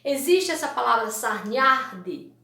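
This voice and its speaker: A Brazilian woman teacher with a fairly high voice speaks slowly and patiently, stretching out each syllable. She keeps checking in with her pupils, and her voice rings around a very echoey room. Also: very animated, creaky, bright, forceful tone. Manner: slow, drawn-out syllable-by-syllable teaching with frequent "né?" and "tá certo?". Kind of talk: online classroom lesson.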